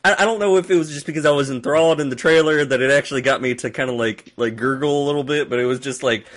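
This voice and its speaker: A man's voice: medium pitch, quick pace, fairly bright tone. A man co-hosting a casual movie news chat who rambles, hedges and laughs a lot. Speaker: podcast co-host.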